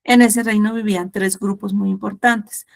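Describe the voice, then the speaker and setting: A woman's voice: medium pitch, fairly even intonation, moderate pace, vocal fry. Woman teaching a virtual class. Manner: explains with a storybook tale and examples. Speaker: Spanish teacher. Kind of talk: online class lesson. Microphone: video call.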